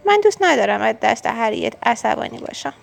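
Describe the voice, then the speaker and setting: A woman's voice: on the high side, very animated, gravelly, soft background music, exaggerated voice. A woman voicing a young boy turtle in a storybook reading, in a raised childlike voice. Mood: sulky. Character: young boy turtle, sulky then glad.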